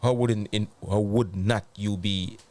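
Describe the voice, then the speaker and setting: A man's voice: on the low side, fairly even intonation, a little mellow. A man from Jamaica with a Jamaican accent, talking in a casual chat with frequent restarts. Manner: halting, restarts often.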